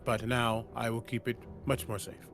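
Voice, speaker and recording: A man's voice: medium pitch, level tone, moderate pace, fairly bright tone, faint music behind, close to an everyday voice. A man playing a loyal, protective servant in a tabletop game, with a dry, precise, very formal way of talking. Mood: dry reproach. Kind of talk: tabletop role-play.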